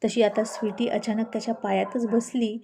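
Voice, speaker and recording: A woman narrating a romantic serial story in a steady storytelling manner. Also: on the high side, normal speed, gravelly, a little hiss or hum.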